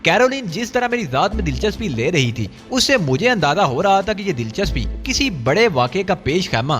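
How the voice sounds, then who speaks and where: A male storyteller reads a thriller audiobook in a high, animated voice that swings widely in pitch. His delivery is dramatic and scripted. Faint music plays underneath.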